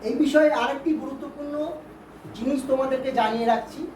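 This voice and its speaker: Woman, English teacher, high voice, patient and repetitive, quizzes pupils, roomy recording. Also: steady tone, fast talker, a little mellow. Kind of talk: Bengali-language grammar lesson. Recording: roomy, distant, faint background hiss.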